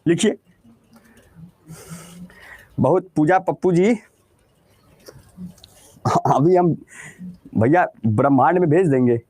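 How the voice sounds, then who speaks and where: A man's voice: fairly high pitch, slow, pauses often, dark tone, no room sound. A man with a Bihari Hindi accent teaching a class, who keeps asking questions and answering them himself. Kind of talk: classroom lecture.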